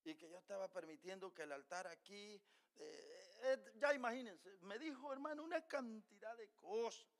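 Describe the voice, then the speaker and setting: A middle-aged male pastor preaching a sermon, telling a personal story with emotion, dropping quiet and then rising loud. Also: sits high, normal speed.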